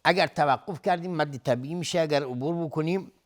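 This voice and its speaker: A man teaching Quran recitation rules in Persian, chanting each verse slowly and then explaining the pronunciation rules quickly. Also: on the high side. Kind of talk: Quranic recitation and tajweed lesson.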